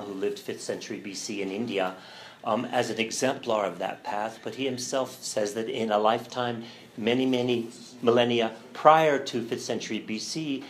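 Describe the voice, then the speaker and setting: A middle-aged man, a religion professor, giving a relaxed, thoughtful lecture with fillers and a light sense of humor. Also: medium pitch, a little hiss or hum, low-quality recording. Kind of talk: lecture to a church audience.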